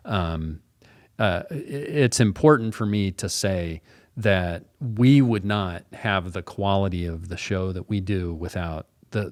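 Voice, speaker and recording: A man's voice: sits low, no echo, clean studio sound. A man co-hosting a podcast in casual chat, earnest and rambling with frequent restarts. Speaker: podcast co-host.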